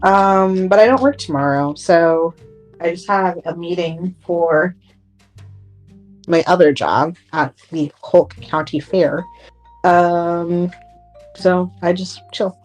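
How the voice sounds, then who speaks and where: A woman's voice: on the low side, slow, a little mellow, faint music behind. A young woman co-hosting a podcast, chatting casually with lots of fillers and laughs. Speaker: podcast co-host. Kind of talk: casual chat.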